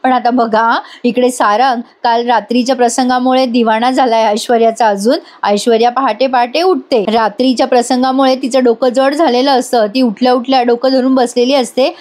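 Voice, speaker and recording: A woman narrates a voice-over recap of a TV serial, chatting directly to her viewers. Her voice is high-pitched and conversational. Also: fairly even intonation, normal speed, few pauses, darkish tone. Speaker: TV serial reviewer.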